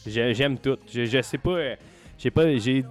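A man with a Quebec French accent, co-hosting a music podcast, enthusiastic but halting and quick to laugh. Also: mid-range voice. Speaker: podcast co-host. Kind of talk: casual music chat.

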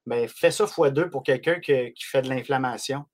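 A man in his late twenties with a Québécois French accent, telling stories in a casual chat as a podcast guest, rushing through them with lots of restarts. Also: medium pitch. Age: late 20s. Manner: rapid, animated storytelling with frequent restarts.

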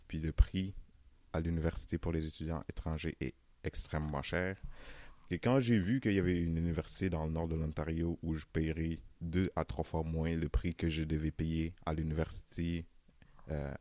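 At a normal speed, a young adult interviewee talks in relaxed, chatty French, his Senegalese accent tempered toward Canadian French. His voice is very low and deep, he laughs frequently and uses casual fillers, and the close recording has no room echo.

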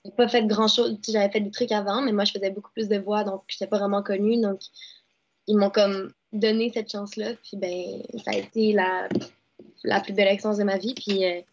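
A woman's voice: mid-range voice, level tone, fairly quick. Chatty young Québécois woman, dull sound. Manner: chatty, lots of fillers and restarts. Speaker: actress and dubbing artist. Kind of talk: casual interview chat.

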